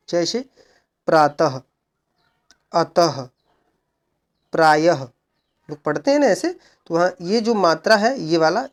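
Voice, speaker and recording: A male teacher giving an exam-prep grammar lesson, who asks questions and answers them himself while explaining slowly and repeating key points. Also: sits high. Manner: slow, repeated explaining with frequent "look" and "okay".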